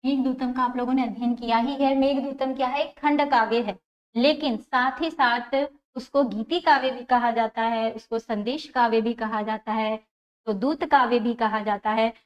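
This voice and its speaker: A woman's voice: fairly high pitch, fairly even intonation, normal speed. A woman teaching an exam-prep lecture, explaining step by step, repeating key terms and asking and answering her own questions. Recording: dull lo-fi sound.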